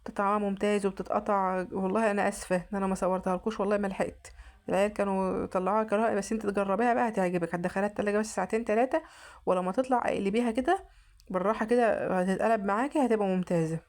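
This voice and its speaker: A woman's voice: medium pitch, steady tone, very fast, a little mellow. A woman with an Egyptian accent, narrating her home cooking in a chatty, casual way and often restarting her sentences. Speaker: vlogger.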